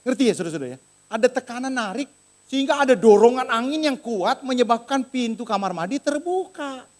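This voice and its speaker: A man's voice: extremely high pitch, brisk. A middle-aged man preaching a sermon in a church, telling a story and acting out the voices in it. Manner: animated, acts out voices in quoted dialogue. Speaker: pastor.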